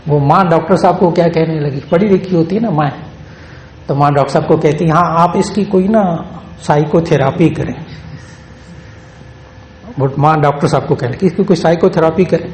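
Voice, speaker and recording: A man's voice: a little high, pauses often, a little mellow, a little hiss or hum. Preaching man in an echoey hall. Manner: repeats phrases for emphasis, recites verses in melodic Arabic. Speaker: Islamic scholar and preacher. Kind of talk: sermon. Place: Lahore. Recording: echoey hall with faint ambience.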